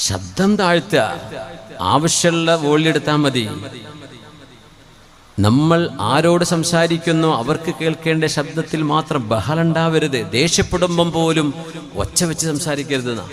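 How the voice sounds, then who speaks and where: A male Islamic preacher, giving a sermon in a conversational, questioning way and chanting short Arabic phrases in a melodic tone. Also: fairly high pitch. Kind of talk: Malayalam religious sermon. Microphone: microphone.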